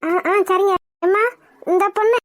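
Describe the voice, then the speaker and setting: Anxious cartoon housewife, motherly and fussing, voiced by a woman; very high pitch, dry. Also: fairly even intonation, normal speed, dry recording. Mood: worried, caring. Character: caring middle-aged village housewife, anxious. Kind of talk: cartoon voice acting.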